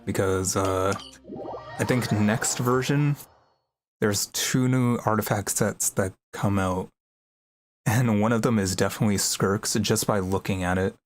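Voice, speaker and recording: During a livestream, a game streamer chats casually over gameplay, musing aloud in a rambling, self-deprecating way. The voice is low, fairly even in intonation, and unhurried, with music playing in the background.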